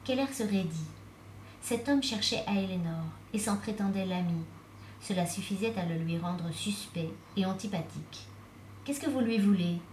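A woman reading a novel aloud as narrator, with steady, even storytelling. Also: mid-range voice, normal speed, slight background noise. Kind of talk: audiobook reading. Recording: echoey room.

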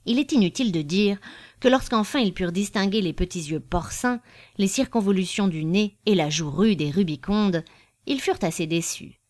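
A woman narrating a story in a measured, expressive reading style. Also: mid-range voice.

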